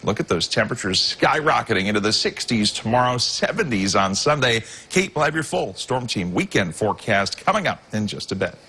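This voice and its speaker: A man meteorologist delivering a steady, measured morning TV forecast. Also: on the low side, slightly rough. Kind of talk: TV weather forecast.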